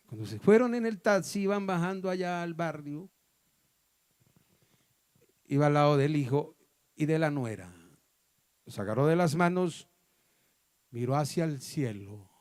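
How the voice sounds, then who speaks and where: A man with a Colombian accent, a pastor preaching a testimony, storytelling dramatically with sudden loud and soft turns. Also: on the high side, expressive, unhurried, long pauses, dry recording. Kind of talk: sermon testimony. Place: church hall.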